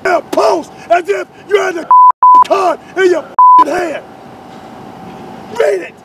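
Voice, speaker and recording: A man's voice: extremely high pitch, slow pace. A man playing a stern, scornful military drill instructor in a film, barking commands outdoors. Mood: angry commands. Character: stern male drill instructor, profane and browbeating. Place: outdoors beside a road. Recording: loud outdoor noise, distant microphone.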